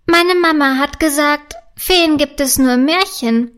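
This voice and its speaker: A woman's voice: sits high, fairly bright tone. Woman reading a doubtful young schoolgirl. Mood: amazed. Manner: slow, musing, murmuring. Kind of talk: children's storybook reading.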